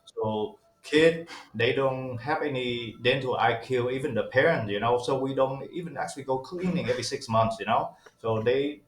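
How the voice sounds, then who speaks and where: A man in his forties from Vietnam speaks English as a second language, with a middle pitch. He talks in a loose, halting way, full of fillers and restarts. The sound is roomy and echoey. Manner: hesitant, many fillers and restarts. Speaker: guest dentist. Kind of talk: casual interview talk.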